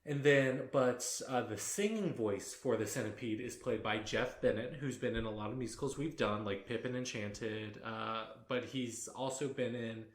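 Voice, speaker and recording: A man co-hosting a podcast, talking in a loose, rambling way full of fillers. His voice sits at a middling pitch. It is recorded in a room with noticeable echo. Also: normal speed, hardly any pauses. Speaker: podcast co-host. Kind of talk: casual chat. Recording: echoey room.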